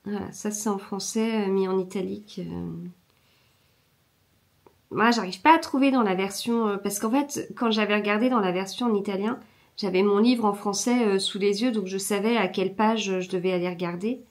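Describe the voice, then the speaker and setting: A woman's voice: mid-range voice, steady tone, normal speed. Hesitant woman chatting about books. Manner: hesitant, many fillers and restarts; mutters softly while searching her book. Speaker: book vlogger. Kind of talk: casual chat.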